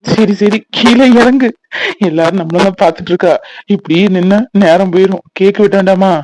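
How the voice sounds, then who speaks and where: A man's voice: high-pitched, moderate pace, a little mellow, a little hiss or hum, natural voice, low-quality recording. A man voicing a teasing, playful young husband in a cartoon. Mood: teasing, fond. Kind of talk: Tamil cartoon voice acting.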